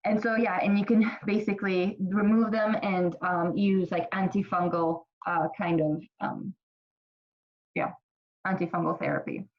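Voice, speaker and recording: A woman's voice: mid-range voice, fairly even intonation, a little slow. Chatty woman lecturer, slightly lo-fi. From Ethiopia. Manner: chatty, many fillers and restarts. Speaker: college microbiology instructor. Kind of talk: casual recorded lecture. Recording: slightly dull lo-fi lecture recording.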